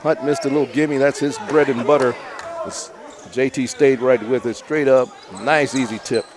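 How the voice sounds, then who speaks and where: A man giving relaxed, conversational color commentary on a college basketball game, with admiring remarks about the plays. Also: medium pitch, normal speed. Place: college gym. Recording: crowd noise in a gym.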